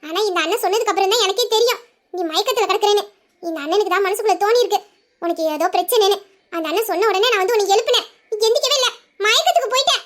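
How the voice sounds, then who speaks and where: Woman playing a high-pitched, giggly young friend in an audio drama, animated and caring. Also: rapid-fire. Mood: excited.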